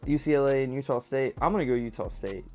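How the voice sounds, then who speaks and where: A young man, casually running through his picks in a relaxed, repetitive vlog chat. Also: mid-range voice, fast, soft background music. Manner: laid-back, drawling, repeats himself, filler words. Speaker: fragrance vlogger.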